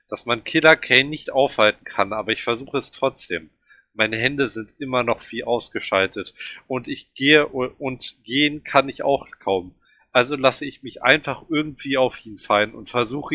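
Mann liest ein Jugendbuch dramatisch vor. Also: male voice, mid-range voice, bright, forceful tone, no echo. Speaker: reader. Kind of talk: reading a novel aloud.

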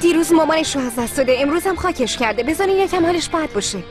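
A woman's voice: sits high, lively intonation, music in the background. A young woman dubbing a grown daughter who talks back insistently and defends herself. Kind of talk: Persian dub of a TV series.

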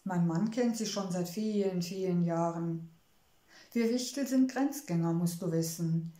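A gentle, motherly gnome wife from a storybook, as a woman reader puts her on, soft-spoken and wistful. Her mellow, warm tone sits in a roomy, echoing space. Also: on the low side, a little slow, natural voice. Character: kindly motherly female gnome, homebody. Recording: roomy echo.

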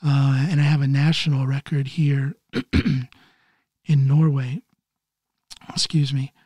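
A man in his early fifties from Ohio, hosting a solo podcast while recovering from neck surgery, talking haltingly and clearing his throat often. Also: mid-range voice, level tone, warm tone, no room sound. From Ohio, USA. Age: 50s. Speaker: podcast host. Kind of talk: casual solo podcast monologue.

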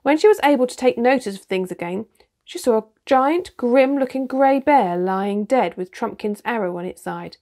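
A woman reading a children's storybook aloud, with steady, expressive narration. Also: fairly high pitch, normal speed. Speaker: reader.

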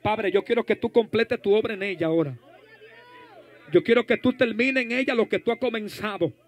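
Fervent high-voiced preacher praying over people. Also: male voice, fairly quick. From Dominican Republic. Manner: fervent, commanding, shouting and hushing, speaks in tongues. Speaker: pastor. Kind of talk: deliverance prayer and prophecy at a service.

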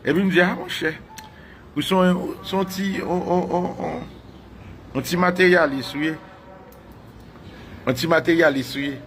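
A Haitian man teaching a class on live radio, animated, retelling dialogues and repeating phrases for emphasis. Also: a little high, a little slow, long pauses, a little hiss or hum.

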